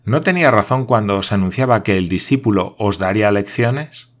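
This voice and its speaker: A man's voice: on the low side, lively intonation, a little fast. A man voicing a jovial army major who teases his friend. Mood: teasing.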